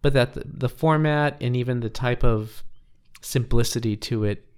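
A man's voice: mid-range voice, normal speed, clear, resonant tone. A man from the United States co-hosting a podcast, chatting casually and often restarting as he searches for words. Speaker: podcast co-host. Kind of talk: casual chat.

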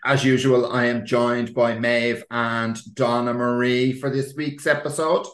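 A man's voice: medium pitch, flat delivery, a little slow, fairly bright tone. An Irish-accented man hosting a podcast, chatting casually with emphatic, sweary exaggeration. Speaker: podcast host. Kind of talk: casual gossip chat. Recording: roomy, echoey sound.

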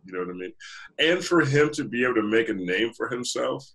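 A man's voice: medium pitch, animated, fairly quick, gravelly, a bit bright. A man guest on a podcast, chatting casually and animatedly, laughing often and thinking aloud with fillers. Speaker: podcast guest, hip hop journalist.

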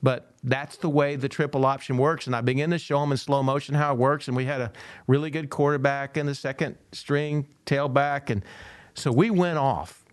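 A man's voice: mid-range voice, fairly even intonation, moderate pace, no room sound. A middle-aged man, a former football coach, telling a long story on a podcast, acting out the dialogue and laughing often.

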